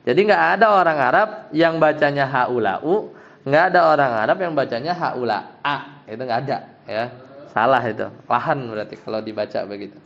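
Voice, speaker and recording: A man's voice: medium pitch, quick pace. A man, an Islamic teacher, explaining Arabic grammar to a class, patiently checking that his students follow. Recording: dull lo-fi sound.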